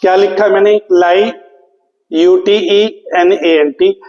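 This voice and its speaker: A man teaches English spelling in an exam-prep lecture, spelling words letter by letter and posing questions to the class that he answers himself. His high-pitched voice is steady, slow and a little mellow, and the dull audio is reverberant from a large hall.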